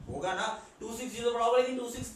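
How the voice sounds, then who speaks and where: A man's voice: extremely high pitch, very fast, a little hiss or hum. A male maths teacher, explaining a problem step by step and counting aloud as he draws on the board. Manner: explains step by step, counts along while drawing, asks rhetorical questions. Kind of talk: whiteboard math lesson. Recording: echoey room from far off.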